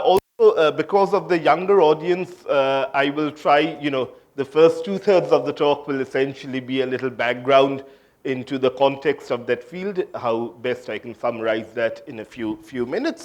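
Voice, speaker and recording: A man from India giving an academic conference talk on physics, hesitant, with many fillers and restarts. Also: mid-range voice. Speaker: physics lecturer.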